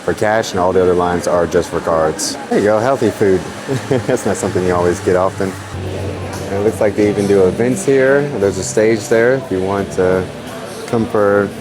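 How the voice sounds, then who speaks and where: A man's voice: on the low side, normal speed, music in the background. A man from the United States, a travel vlogger, chatting casually with lots of fillers while walking around a windy harbour. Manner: chatty, thinks aloud with fillers. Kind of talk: casual vlog narration. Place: outdoors on a windy harbour pier.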